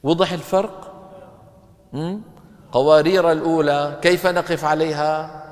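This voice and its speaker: A man teaching Quran recitation, explaining points with questions to his class and chanting verses slowly. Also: a little high, fairly even intonation, in a large hall. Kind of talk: recitation lesson with chanted examples.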